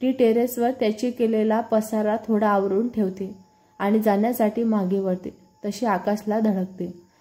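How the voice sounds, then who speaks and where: A woman reading a story aloud in an even, unhurried scripted narration. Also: medium pitch.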